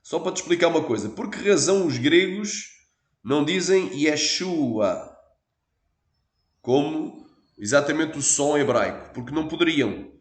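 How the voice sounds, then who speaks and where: Portuguese pastor teaching in an echoey room. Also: male voice, fairly high pitch, lively intonation, a little slow. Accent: European Portuguese. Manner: explains patiently, asks "Amém?" for assent. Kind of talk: teaching sermon.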